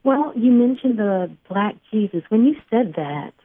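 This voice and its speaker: A woman from Barbados calling in to a radio talk show, thoughtful and measured. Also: mid-range voice, animated. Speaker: caller. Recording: tinny phone line.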